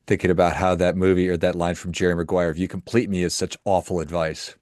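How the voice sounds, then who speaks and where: A man hosting a podcast interview, affirming his guest and wrapping up with smooth outro patter. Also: low-pitched, level tone, fast, darkish tone, no room sound, studio quality. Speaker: podcast host.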